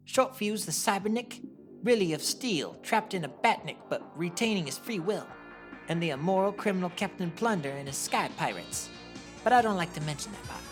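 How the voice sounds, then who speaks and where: A woman voices a cocky young cartoon hedgehog hero telling his own backstory. The voice is on the low side, casual and wry, with prominent music playing underneath. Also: animated, normal speed, lightly acted. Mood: casual boasting. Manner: casual, wry storytelling asides. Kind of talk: scripted comic dub narration.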